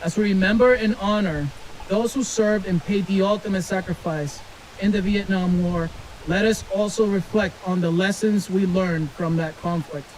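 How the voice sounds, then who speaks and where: A man with a high voice delivers a formal ceremonial address. He projects in a military manner, reading prepared remarks as an officer. There is faint noise in the outdoor recording. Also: fairly even intonation, moderate pace, a little mellow, poor audio. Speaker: city veteran service officer.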